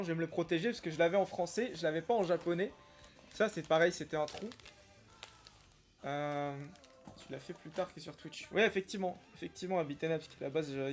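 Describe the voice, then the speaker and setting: A young man chatting casually on a live stream while opening trading card packs, reacting with excitement and greeting viewers by name. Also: a little high. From Algeria. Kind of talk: casual live-stream chat reading comments.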